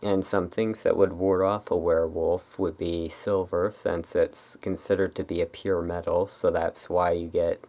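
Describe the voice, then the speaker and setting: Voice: sits low, little pitch movement, unhurried, hardly any pauses, mellow. An ASMR creator chatting casually and off the cuff, rambling and hesitant, often trailing off. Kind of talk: casual improvised ASMR chat.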